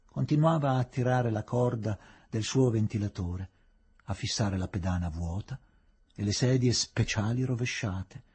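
A man narrating a novel in an expressive, dramatic reading. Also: fairly low pitch, measured pace, slightly rough. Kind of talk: audiobook narration.

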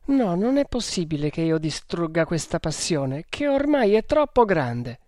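Man doing a young captive woman, high and anguished, pleading. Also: animated, unhurried, no room sound, clean studio sound. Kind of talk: audiobook character reading.

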